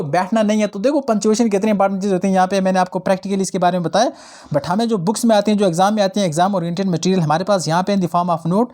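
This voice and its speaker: Young guy doing a grammar lesson, kinda high voice, keeps going "theek hai na". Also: a little mellow. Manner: explains in Hindi-English mix, repeats "ठीक है ना". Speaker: English grammar teacher.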